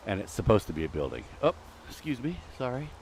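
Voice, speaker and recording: A man's voice: fairly low pitch, very animated, quick pace, a little mellow, slight background noise. A middle-aged man hosting a live gameplay stream, out of breath from walking on a treadmill and chatting in a rambling way while talking to the game's creatures. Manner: chatty, rambling, talks to game mobs. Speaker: host.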